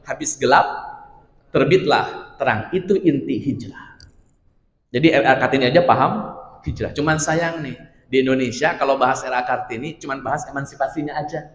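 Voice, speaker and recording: A man preaching an Islamic study sermon, telling stories with lively asides to his audience. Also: fairly high pitch. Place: large mosque hall. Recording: echoey hall reverb.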